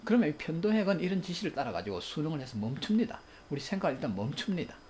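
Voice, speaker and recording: A man's voice: on the high side, big pitch swings, racing, darkish tone, a little hiss or hum. A middle-aged man giving a recorded lecture on parenting skills, acting out quoted family exchanges.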